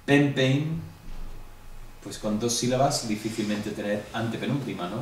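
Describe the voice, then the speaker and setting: A man's voice: medium pitch, a little slow. A man with a Spanish accent giving a review lesson to a class, explaining step by step and asking the students questions. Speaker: Greek teacher. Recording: echoey room, distant mic, faint hum.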